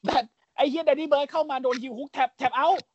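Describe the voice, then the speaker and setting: A man co-hosting a casual podcast, recapping events as an animated storyteller, full of crude slang and mimicked voices. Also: extremely high pitch, brisk, dull audio, heavy background noise. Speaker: podcast co-host.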